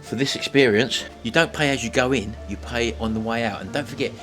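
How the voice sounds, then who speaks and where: A man's voice: mid-range voice, brisk, a bit bright. Chatty man vlogging over music. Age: middle-aged. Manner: chatty, addressing viewers as folks. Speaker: vlog host. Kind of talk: casual walk-and-talk vlog. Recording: music behind the voice.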